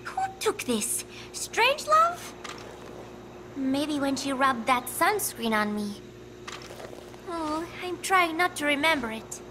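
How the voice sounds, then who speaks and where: A woman voicing a frail, gentle teenage girl who sounds tired and wistful in a video game cutscene. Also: sits high, big pitch swings, slow pace, background noise, heavily acted. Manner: soft, wistful, drifting.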